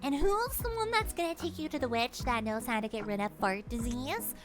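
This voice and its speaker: A woman's voice: lively intonation, a little fast. A woman streamer in a goddess persona, telling an improvised comic story in a playful, giggly way. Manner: playful, giggly, swooping pitch. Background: music.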